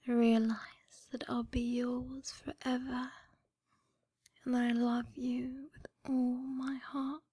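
A woman voicing a seductive, adoring dream woman in a sultry, intimate whispered role-play, with breathy narration. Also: high-pitched, level tone, takes it slowly, mellow, dry recording, studio quality, heavily acted.

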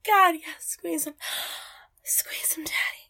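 A woman performing an intimate roleplay in soft, close whispers, often laughing quietly. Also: extremely high pitch, fairly even intonation, slow pace, vocal fry.

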